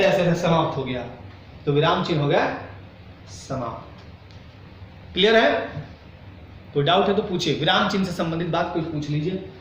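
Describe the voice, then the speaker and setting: A man's voice: high voice, fairly bright tone, very echoey, distant mic, slight background noise, poor audio. A male Hindi teacher giving a grammar lesson to a class, asking questions often and acting out students' doubts. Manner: acts out students' doubts in quoted asides.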